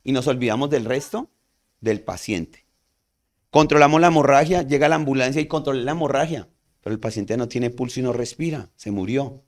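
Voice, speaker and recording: A man's voice: mid-range voice, a little fast. A man teaching a community first aid class. He asks the audience questions and answers them himself. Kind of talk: community training talk.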